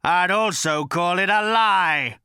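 A man reading an audiobook voices a bitter, vengeful male creature, speaking slowly with a hissing, brooding menace. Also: sits high, pushed and bright, smooth, no echo, clean studio sound, pitched above the performer's own voice, exaggerated voice. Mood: brooding, sardonic. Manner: slow, hissing, drawn-out menace.

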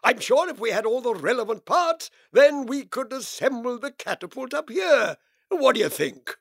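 A man's voice: very high voice, sing-song, moderate pace, no room sound, clean studio sound, voice pushed up, heavily acted. A man voicing a courteous male hedgehog father who speaks in a polite, old-fashioned, formal manner.

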